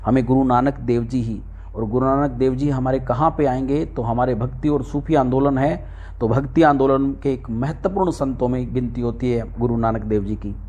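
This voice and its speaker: With a little hiss or hum in the audio, a middle-aged exam-prep teacher speaks in a mellow, steady, mid-range voice at a moderate pace. He leads his "dear children" through a textbook index chapter by chapter, stressing each point by repeating it.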